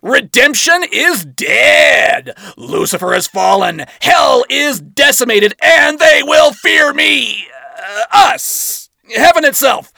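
A man's voice: very high-pitched, very animated, slow, gravelly, no room sound, pitched above the performer's own voice, heavily acted. A man doing a brash, bellowing archangel commander. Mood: rowdy bragging. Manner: shouting, swaggering, profane.

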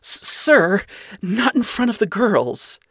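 A man's voice: high voice, big pitch swings, slow, a bit bright, no room sound, voice pushed up, full character voice. A man voicing a devoted young female lieutenant who speaks deferentially. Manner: deferential, flustered.

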